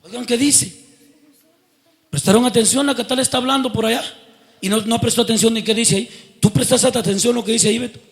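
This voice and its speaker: Preacher, male, high gravelly voice, questions the flock, fervent sermon delivery. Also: steady tone, fairly quick, pauses often. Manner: quizzes the congregation, rising to fervent outbursts.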